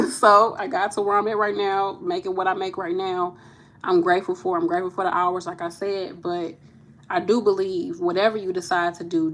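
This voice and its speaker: A woman in her thirties, a nurse and channel host, runs a casual live chat with viewers, speaking candidly and laughing easily. Her voice is mid-range, with a little hiss or hum in the audio.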